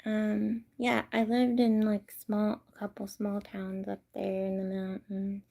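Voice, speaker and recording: A young woman from California hosts a casual livestream, talking to her viewers in a soft-spoken way that often drops into a whisper. Her voice is mellow and dark with a gravelly fry, and she takes her time. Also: medium pitch, completely flat delivery, a little slow. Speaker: livestream host.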